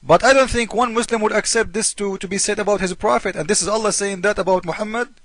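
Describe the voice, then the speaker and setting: Fast and fairly bright, this high-voiced host of a religious polemic video speaks English as a non-native, his sound close, dry and echo-free. His informal take on scripture is mocking and theatrical, full of repetition, and he performs both sides of the debate himself.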